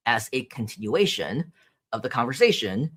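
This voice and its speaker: A man's voice: medium pitch, very animated, normal speed, a bit bright, breathy edge. A man from Hong Kong in his thirties, hosting a live-streamed marketing training in a conversational way, often asking "right?" and reading out viewer chat messages. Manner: conversational, asks viewers questions, frequent "right?".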